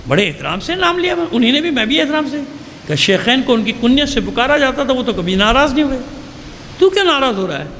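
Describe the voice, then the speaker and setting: A man's voice: very high voice, sing-song, a bit bright, a little hiss or hum. A man preaching a religious sermon, telling a historical story with passion and putting rhetorical questions to the audience. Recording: long hall reverb, faint ambience.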